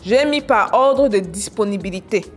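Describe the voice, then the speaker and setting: A woman's voice: mid-range voice, animated, normal speed, soft background music. A woman business coach walking viewers through products on screen in a casual, teasing, exclamatory way. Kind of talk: casual screen-share teaching.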